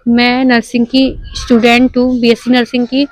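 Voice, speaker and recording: Earnest young woman, steady high voice. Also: moderate pace. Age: young adult. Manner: earnest, insistent, emotional. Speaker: nursing student giving a statement. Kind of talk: news interview statement.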